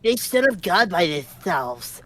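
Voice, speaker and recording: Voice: medium pitch, big pitch swings, unhurried, fairly bright tone. A streamer voicing a nerdy, snobbish, grumpy boy with a lisp and a nasal, snotty tone, whining and complaining. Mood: ranting. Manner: whiny, irritable complaining. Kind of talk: voicing a character in a story game.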